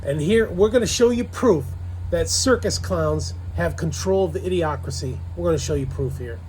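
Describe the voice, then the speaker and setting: An American man with a notably high voice hosts casual political commentary. He speaks with sarcasm and keeps throwing out rhetorical questions. There is faint outdoor background noise behind him. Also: normal speed, darkish tone, low-quality recording. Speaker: co-host of a political commentary show. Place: outdoors in a backyard.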